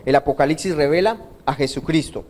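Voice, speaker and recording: A male pastor delivers a sermon at a church service, his voice sitting high for a man. He keeps throwing questions to the congregation and answering them himself in a call-and-response rhythm. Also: a little fast, darkish tone. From Colombia.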